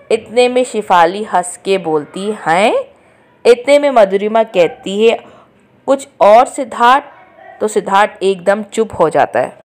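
A woman narrating a chatty recap for viewers, retelling quotes in her own voice. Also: medium pitch. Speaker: show update narrator.

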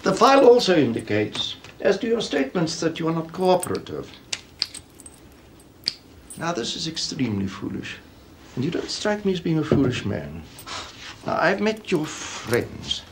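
An apartheid-era police interrogator, coolly bureaucratic and taunting, animated delivery. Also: male voice, mid-range voice, creaky, noisy background.

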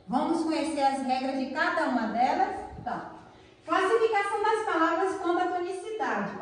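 Brazilian lady teacher doing a kids video class, high lively voice, roomy echo, far off mic. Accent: Brazilian Portuguese. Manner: slow, stressing syllables for children. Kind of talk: video lesson for children. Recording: echoey room, voice far from the mic.

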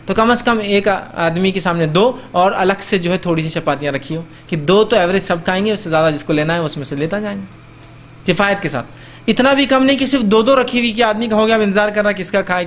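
High pitched guy giving a religious talk on manners, chatty, keeps asking listeners if they're with him. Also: fairly bright tone. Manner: conversational, acts out host-guest exchanges; checks in with listeners often. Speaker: lecturer. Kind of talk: religious lecture on etiquette.

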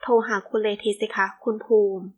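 A woman's voice: moderate pace, natural voice. A woman voicing a huffy young woman producer. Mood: indignant. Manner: indignant, sulky.

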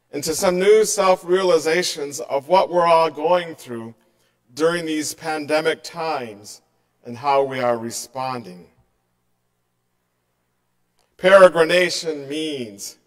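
A middle-aged man delivers a sermon from behind a church pulpit, speaking slowly and earnestly. His voice sits a little high for a man, and it softens as his phrases end. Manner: slow, measured and earnest, voice dropping softly at line ends. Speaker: pastor.

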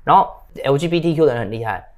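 A man's voice: mid-range voice, animated, rapid-fire. A man in his thirties co-hosting a casual talk show, telling stories with English phrases mixed in. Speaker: co-host. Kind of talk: casual political chat.

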